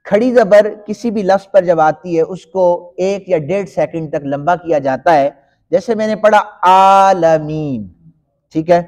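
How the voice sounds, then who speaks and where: High-voiced man teaching Quran recitation. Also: dark tone. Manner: explains slowly, then recites in long drawn-out chanting. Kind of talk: tajweed lesson with recitation.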